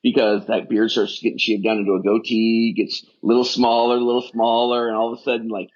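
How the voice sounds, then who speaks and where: A middle-aged man, a firefighter rehab specialist, is a podcast guest who talks rapidly in long, rambling run-on stretches during casual conversation. His medium-pitched voice is flat and a little mellow. The audio is dull and lo-fi.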